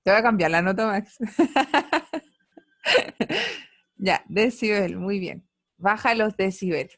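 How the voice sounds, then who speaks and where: A woman's voice: medium pitch, lively intonation, takes it slowly, no room sound, clean studio sound. A woman teacher giving an online physics class, playful and teasing, asking students many questions. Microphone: computer mic on a video call.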